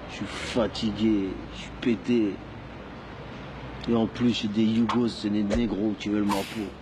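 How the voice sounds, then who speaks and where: A man's voice: lowish voice, level tone, measured pace, background noise, close to an everyday voice. An actor playing an exhausted small-time criminal bitterly listing his troubles. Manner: bitter, complaining monologue.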